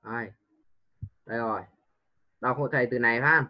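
A man's voice: mid-range voice, fairly even intonation, moderate pace. Worn-out guy teaching english on a call, keeps making you repeat words, ribs you when it's wrong, muffled lo-fi audio. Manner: drills and corrects pronunciation, teasing. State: tired. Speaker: English tutor. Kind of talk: online one-on-one lesson.

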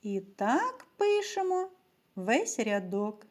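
A woman teaching a video reading lesson for young children, speaking clearly and patiently and addressing them directly. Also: on the high side, very animated, slow pace. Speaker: primary school teacher.

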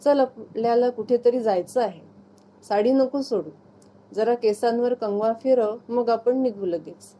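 A woman reading aloud, voicing a playful, affectionate young husband who teases and gently coaxes his wife. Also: very high voice, unhurried. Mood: coaxing. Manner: teasing, gently coaxing.

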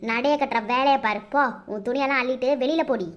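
A woman's voice: high voice, fast talker, voice pushed down, lightly acted. A woman voicing a domineering older mother-in-law in a cartoon, scolding and giving orders with a Kanyakumari Tamil accent. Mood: scornful. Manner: scolding, commanding.

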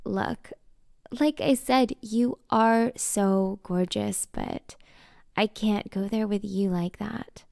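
A woman voicing an easygoing high school boy in a storybook reading, with a relaxed, friendly drawl and a gravelly voice. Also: slow pace, dry recording, studio quality. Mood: earnest.

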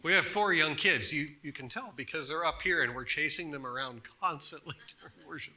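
A man in his thirties, a pastor preaching a sermon in a church, dropping to soft hushed tones and rising to loud emphatic bursts. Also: a little high, fairly quick. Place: church sanctuary.

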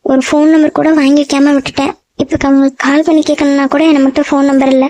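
A woman voicing a sweet, naive young woman in love in a cartoon, pleading and soft-spoken. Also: high voice, little pitch movement, fast, dry recording. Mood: worried. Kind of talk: animated cartoon voice acting.

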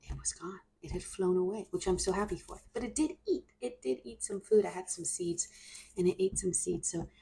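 A woman in her thirties rambling casually in a soft-spoken ASMR video, close to a small mic. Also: medium pitch, fairly quick, vocal fry, breathy edge, poor audio. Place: home kitchen, indoors. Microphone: mini mic close up on counter or handheld.

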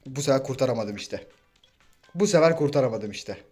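A young man giving casual, excitable commentary over his own gameplay and teasing his teammates as he plays. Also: mid-range voice, a little fast, faint music behind. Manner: excitable, banters and trash-talks teammates. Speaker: gaming YouTuber.

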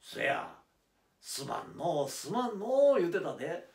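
A man's voice: a little high, wildly swooping pitch, a little slow, gravelly, full character voice. A man playing a blunt, teasing Kansai-dialect work boss. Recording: roomy, distant mic.

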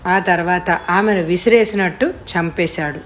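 A bitter, vengeful man with a harsh, mocking edge, as a woman reads him in a storybook. He sneers and threatens in a fairly low register. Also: measured pace, slight background noise, close to an everyday voice. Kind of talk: audiobook character voice.

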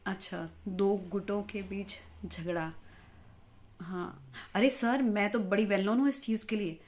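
A woman's voice: mid-range voice, fairly even intonation, slow, a little mellow, close to an everyday voice. A woman playing a chatty, quarrelsome married mother in a comic monologue, fawning and talkative as a job candidate for a news anchor post. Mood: eager, polite. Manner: chatty, fawning toward interviewer, mixes English words into Hindi.

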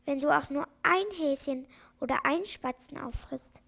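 A woman voicing a kind, calm old male doctor in a read-aloud children's storybook, speaking firmly but gently. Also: high-pitched, normal speed, gravelly, full character voice. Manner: calm, firm.

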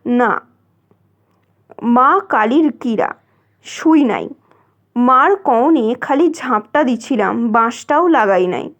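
A woman's voice: fairly high pitch, animated, takes it slowly, pauses often, lo-fi sound, exaggerated voice. A woman doing a timid tearful young wife. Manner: timid, pleading.

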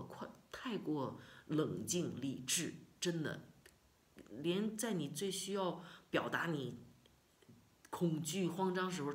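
情绪起伏大的中年女声讲述. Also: female voice, low-pitched. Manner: emotional and expressive, many repetitions and sighs. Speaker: vlogger. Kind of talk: casual storytelling.

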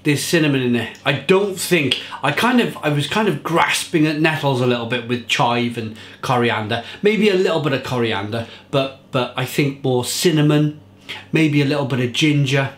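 A man in his thirties reviews a beer with enthusiasm from his home kitchen, chatting straight to a fixed camera on the table. Medium-pitched and moderately paced, he restarts and uses fillers, and the recording has a roomy sound.

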